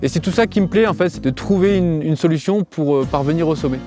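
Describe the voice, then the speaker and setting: A young man, a mountaineer, speaking in a thoughtful, measured way with frequent hesitations in a documentary interview. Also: fairly high pitch. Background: music.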